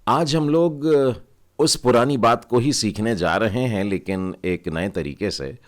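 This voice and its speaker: A man's voice: medium pitch, a little slow. A man teaching Hebrew vowel signs in a patient, step-by-step way, asking learners to read along.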